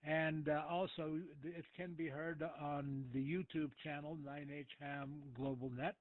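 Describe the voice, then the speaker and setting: A man running an amateur radio net in a relaxed, hesitant way with many filler pauses, heard through a narrow two-way radio transmission. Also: on the high side, no room sound. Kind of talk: casual on-air radio net chat. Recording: tinny, dry ham radio audio.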